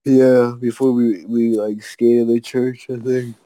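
A young man co-hosting a podcast, chatting in a relaxed way and laughing often. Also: mid-range voice, slow, smooth, low-quality recording. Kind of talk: casual chat.

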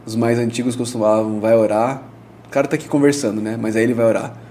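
Relaxed pastor, dark mellow voice. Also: male voice, medium pitch, fast talker. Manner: relaxed, explains with everyday examples, frequent tag questions. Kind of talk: conversational teaching on prayer.

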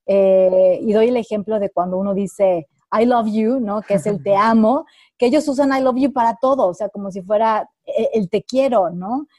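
A woman's voice: medium pitch, normal speed, hardly any pauses, a little mellow, dry recording. A Mexican woman hosting a casual group conversation, asking questions with curiosity and animation. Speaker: host leading a group conversation.

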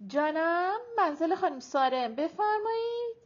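A woman reading an audiobook, voicing a playful young woman who speaks in a high, drawn-out, teasing way. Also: lively intonation. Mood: sing-song. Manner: bright, drawn-out, playful delivery. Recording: dull lo-fi audiobook recording.

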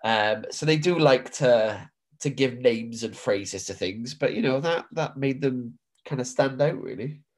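A male podcast co-host chats casually at a medium pitch. He is informal and rambles loosely from one thought to the next. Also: expressive, unhurried.

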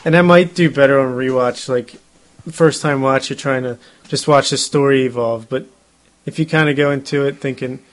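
A man's voice: medium pitch, steady tone, normal speed. Chatty man laughing through movie talk. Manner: chatty, laughs often, many fillers. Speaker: movie review co-host. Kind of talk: casual film discussion.

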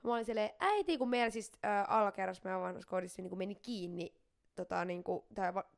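A woman's voice: medium pitch, creaky. A young woman chatting casually and telling a childhood story, with many fillers and restarts. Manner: animated storyteller, lots of fillers. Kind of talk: casual chat.

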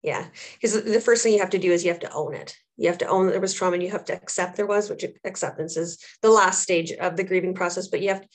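She talks fast, her voice lowish: a trauma therapist and social worker in her thirties or older, appearing as an interview guest. Earnest and reflective, she repeats phrases to drive points home.

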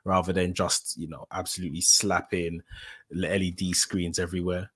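Male co-host, deep voice, dry sound, relaxed conversational read. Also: normal speed, breathy edge, no room sound. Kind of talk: casual chat about wrestling on a live show.

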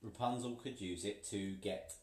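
A man reading a picture book aloud to a child, playful and pausing so the child can finish sentences. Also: on the low side. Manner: playful, pauses for the child to fill in words. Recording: roomy, from a distance.

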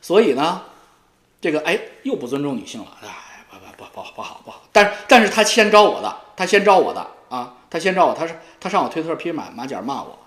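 A man rants in a taunting, profane monologue, as a YouTube commentator goes after a rival. His voice sits a little high and swings widely in pitch. The recording has a roomy echo. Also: very animated, fast talker, fairly bright tone. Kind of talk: ranting monologue.

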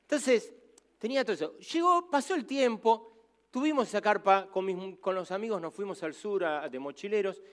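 Animated Rioplatense pastor in his fifties. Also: high-pitched, normal speed. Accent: Rioplatense Spanish. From Argentina. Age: 50s. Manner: animated storytelling, acts out voices. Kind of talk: sermon.

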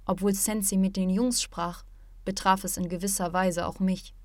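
A woman reading an audiobook, narrating in an even, reflective first-person voice. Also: mid-range voice, moderate pace, no room sound. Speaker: audiobook reader.

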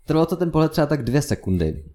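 A young man telling a story in casual chat, lively and full of fillers. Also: a little high. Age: young adult. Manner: animated anecdote telling with many fillers.

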